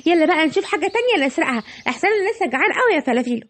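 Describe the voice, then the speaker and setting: A woman's voice: very high voice, big pitch swings, very fast. A woman voicing Simbo, a cheeky lying thief. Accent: Egyptian Arabic. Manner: pleading innocence, cheeky. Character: greedy young male thief Simbo, cheeky liar.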